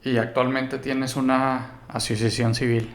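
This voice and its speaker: This is a man who hosts a podcast interview. He mostly listens, putting in brief acknowledgments and short prompts. His voice sits at an ordinary, middle pitch. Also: level tone, measured pace. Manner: attentive, gives short prompts. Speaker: podcast host. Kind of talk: casual interview.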